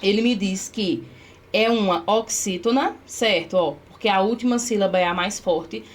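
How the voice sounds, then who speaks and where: A woman's voice: mid-range voice, normal speed. A woman teacher working through exam questions step by step, often checking in with her students. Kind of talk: exam-prep grammar lesson.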